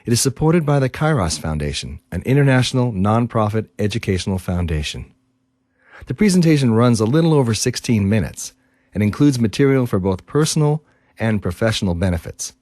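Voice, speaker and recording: Low-voiced man narrating an introduction. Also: very animated, brisk, a little mellow, dry recording, studio quality. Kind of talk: scripted narration.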